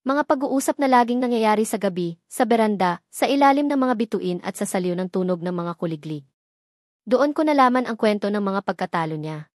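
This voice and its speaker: A woman with a Filipino accent narrates a scripted, dramatic first-person story. Her voice is mid-range and darkish, recorded dry with clean studio sound.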